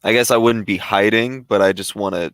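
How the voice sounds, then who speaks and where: A man's voice: lowish voice, fairly even intonation, brisk, fairly bright tone, clear, resonant tone, no room sound. A man playing a tabletop game, careful and full of questions about his moves. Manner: careful, asks many questions. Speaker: player. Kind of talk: casual tabletop game play.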